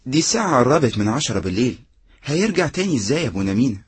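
An anxious Egyptian monk in a religious drama. He talks very fast in a breathy, husky voice of middling pitch, doubting and questioning. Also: big pitch swings, dry recording. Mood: worried, doubting. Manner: worried, questioning. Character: anxious, doubting male monk, devout helper.

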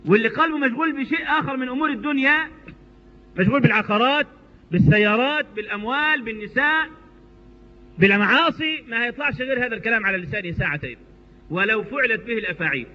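A man's voice: extremely high pitch, pushed and bright. A man with an Egyptian accent preaching a sermon, telling stories animatedly with colloquial asides. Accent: Egyptian Arabic. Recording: echoey hall, dull lo-fi sound.

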